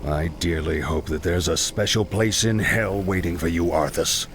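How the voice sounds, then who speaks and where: An actor playing a righteous paladin in a fantasy video game, stern, scornful and dramatic. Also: male voice, low voice, moderate pace, slight background noise. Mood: indignant, scornful. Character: righteous male paladin, grave, scornful and indignant.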